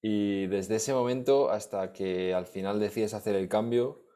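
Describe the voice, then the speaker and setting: Man, Spanish accent, lowish voice, casual interviewer, short slangy backchannels. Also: unhurried. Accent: Spanish from Spain. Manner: relaxed, brief backchannels, slangy.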